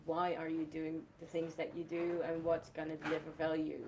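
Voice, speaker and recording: A young woman from the Netherlands talks in a low voice and explains things one step at a time. She sounds relaxed, like she is in a casual interview chat. A faint rumble sits under the recording. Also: moderate pace. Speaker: festival host.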